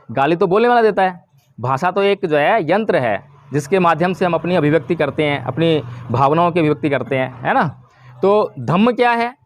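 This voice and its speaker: High-voiced man preaching dhamma. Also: dry recording, studio quality. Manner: asks the listeners questions and answers them himself. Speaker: Buddhist preacher. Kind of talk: dhamma talk to a village gathering.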